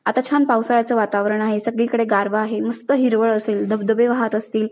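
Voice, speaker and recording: A woman's voice: on the high side, fairly even intonation, brisk, darkish tone, lightly acted. A woman reading the lines of an eager, romantic young husband in her own voice.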